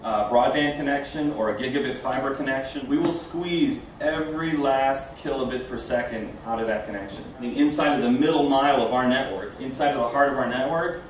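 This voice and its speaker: A man's voice: mid-range voice, a little fast, few pauses. A man giving an informal, explanatory live product demo as a company presenter. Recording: echoey room, distant mic, clear background noise.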